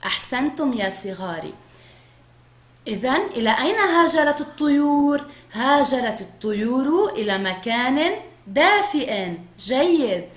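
A woman teacher giving a first-grade phonics lesson, speaking slowly and clearly to young children. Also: high voice, animated, roomy sound. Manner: slow, clearly drawn-out speech to young children.

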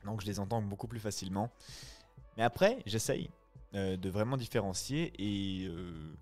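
Man, low voice, friendly live-stream chat, faint music behind. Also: lively intonation, normal speed, darkish tone. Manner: friendly, reflective, chatty. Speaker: streamer and voice-acting reader. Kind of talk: casual chat answering live viewers.

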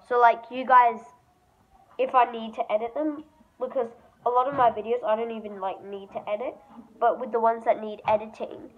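Woman with a tinny phone-line sound. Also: fairly high pitch. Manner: rambling, chatty, addresses viewers as guys. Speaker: mobile game channel host. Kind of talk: casual game pack-opening commentary. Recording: tinny phone-like audio with faint hiss.

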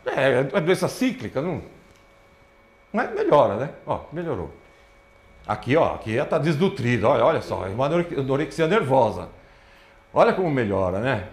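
A man with a medium-pitched voice lectures an audience at a normal speed, pausing often. He's animated, pointing at his slides and repeating "ó, olha só." The recording carries the roomy sound of a lecture hall.

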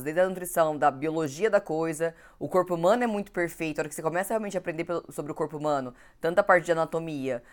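A young woman from Brazil with a cold, chatting casually with viewers on a live stream and greeting them by name. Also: sits low. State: has a cold. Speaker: nutritionist hosting an Instagram live. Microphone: home recording setup.

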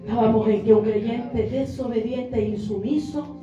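A woman's voice: fairly high pitch, steady tone, normal speed. A woman preaching a sermon with a Chilean Spanish accent, fervent and storytelling. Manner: fervent, storytelling with laughter and shouted praise. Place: church hall. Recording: echoey church hall, distant mic, muffled, music behind.

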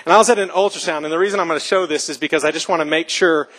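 A man's voice: fairly high pitch, rapid-fire, fairly bright tone. A young adult man giving an earnest, emphatic public talk to a live audience. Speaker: speaker. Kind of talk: public speech.

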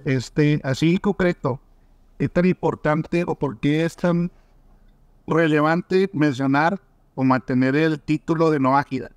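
A man's voice: a little high, fairly even intonation, a little slow, smooth, dry recording. A man taking part in a class, asking a question hesitantly and searching for his words.

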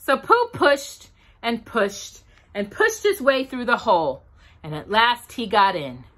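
A middle-aged woman reading a children's storybook aloud at home, expressive and dramatic, recorded close on camera. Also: fairly high pitch, takes it slowly. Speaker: storytime reader. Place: home, small room with bookshelves.

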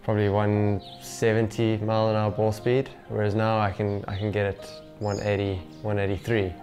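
Speaking at normal speed in a completely flat, low, darkish voice, this man in his twenties is a professional golfer giving a casual interview to camera. He wears a lapel mic in a small indoor home gym, and music plays in the background.

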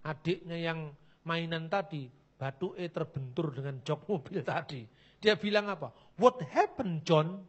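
A man's voice: on the high side, unhurried, dull audio. A middle-aged man preaching a blunt, mocking sermon full of anecdotes. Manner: animated, mocking, blunt, switches into Javanese phrases. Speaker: pastor.

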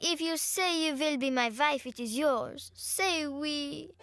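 An actress voicing a young girl who pretends to be a suave French tomcat, speaking slowly in a bad fake French accent. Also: high-pitched, fairly bright tone, no room sound, full character voice. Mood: romantic.

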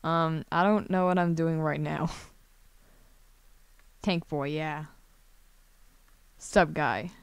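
The streamer, a young woman with a low, smooth voice, draws out her words and pauses often, keeping her intonation fairly even. On a screen-share drawing livestream from her computer indoors, she chats casually, rambling hesitantly, cursing a lot, and mocking herself.

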